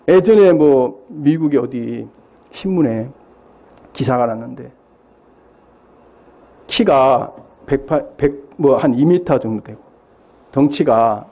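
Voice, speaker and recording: A missionary preacher delivering a sermon, his voice a touch high for a man and warm in tone. He swings widely up and down as he tells stories and fires questions at the congregation. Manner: animated storytelling, quizzing the congregation.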